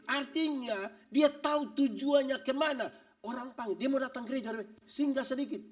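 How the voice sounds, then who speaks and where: A man preaching a church sermon, animated and joking, acting out little scenes. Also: extremely high pitch, moderate pace, recorded from a distance. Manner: animated preaching with acted-out quotes and jokes. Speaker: pastor.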